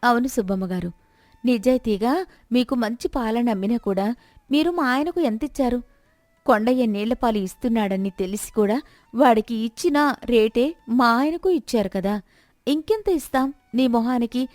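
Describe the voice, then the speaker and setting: Storybook: a sharp, composed young wife, played by a woman, slightly high, dry close mic. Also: moderate pace, dry recording, lightly acted. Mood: reproachful. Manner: calm, reasoning, then bitterly reproachful. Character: clever calm young wife, poor milkman's spouse.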